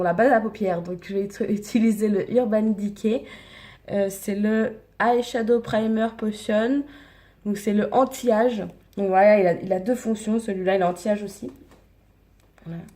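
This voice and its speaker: A woman chats slowly through her makeup routine, filming herself on a phone at home. Her voice is mellow and unhurried, full of small hesitations. Now and then she drops into a near whisper. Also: medium pitch. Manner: hesitant, many fillers, slips into soft whispers. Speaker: makeup vlogger. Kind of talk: casual makeup tutorial chat. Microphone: phone camera.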